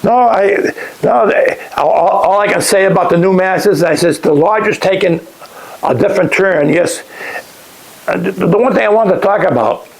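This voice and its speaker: An older man, recalling lodge days in a casual interview, halting and restarting often. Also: sits high, creaky, rough recording. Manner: halting, many restarts, chuckles at his own remarks. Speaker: interviewee, past lodge master. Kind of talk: casual oral-history interview.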